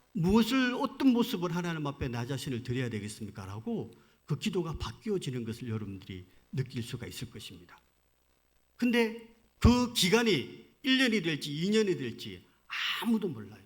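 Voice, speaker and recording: A man preaching in church with a high, lively voice that rises and falls widely. He speaks earnestly, putting questions to the congregation and acting out the prayers of people who complain. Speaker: missionary preacher. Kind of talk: sermon.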